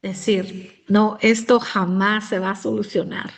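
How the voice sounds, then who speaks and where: Slow-speaking woman teaching a Bible talk. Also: mid-range voice, little pitch movement. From United States, of Mexican descent. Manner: slow, reflective, with many fillers. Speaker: women's ministry speaker.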